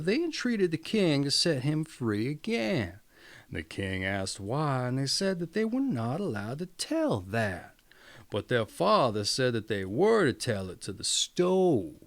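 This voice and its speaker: A man with a medium-pitched voice narrates a fairy tale from a script, delivering it theatrically and with strong emphasis. The recording is dry.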